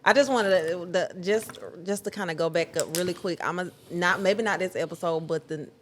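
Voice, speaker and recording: A woman's voice: fairly low pitch, normal speed, a little hiss or hum. A woman co-hosting a podcast in casual chat, giving frequent backchannels and laughing a lot.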